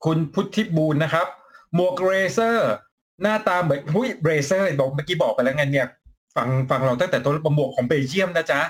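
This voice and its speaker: A man's voice: fairly high pitch, brisk. A man co-hosting a late-night live cycling show, blunt and teasing, crude and jokey, laughing often. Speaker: cycling talk show co-host.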